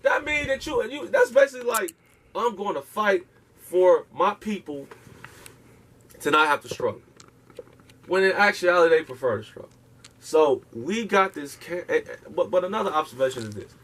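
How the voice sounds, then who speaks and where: The voice is high, expressive and a bit bright, moving at a moderate pace. It belongs to a man who, as a guest in a casual interview, lectures passionately and profanely while throwing out rhetorical questions.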